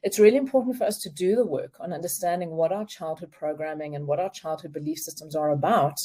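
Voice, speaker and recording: A woman speaking as a relationship expert on a video call, explaining in a calm, measured way. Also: deep voice, slightly rough. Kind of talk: remote interview, explaining.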